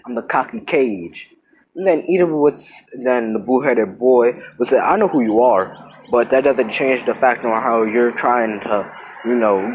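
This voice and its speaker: A man's voice: mid-range voice, a little mellow, slight background noise, poor audio. Casual young man narrating a fan story. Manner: rambling retelling with restarts, voicing characters lightly.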